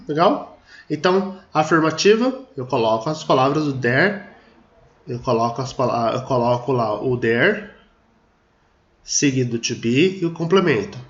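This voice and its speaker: A male teacher giving a grammar lesson step by step, who reads example sentences slowly and deliberately and often says "look here" to the class. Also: mid-range voice, expressive. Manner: explains step by step, often saying "ó" and "olha só". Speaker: English teacher. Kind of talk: video lesson explaining grammar at a board. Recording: roomy, dull sound with faint noise.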